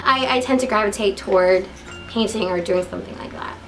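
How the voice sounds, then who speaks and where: A young woman with an American accent chats casually to camera, introducing herself as a vlogger in a giggly, upbeat, talkative way. Her medium-pitched voice is fairly bright and a little fast. Faint music plays behind the rough recording.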